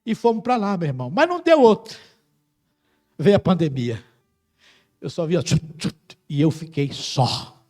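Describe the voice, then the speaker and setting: A middle-aged Brazilian pastor preaching a sermon with passion, rising to loud cries and dropping to quiet, close words. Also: male voice, on the high side, very animated, measured pace, pauses often. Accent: Brazilian Portuguese. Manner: impassioned preaching, swings from loud to soft.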